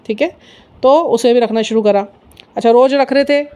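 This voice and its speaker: A middle-aged woman with a fairly high voice shares devotional stories with her viewers. She talks earnestly and keeps dropping English words into her Hindi. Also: moderate pace, mellow. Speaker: spiritual storyteller.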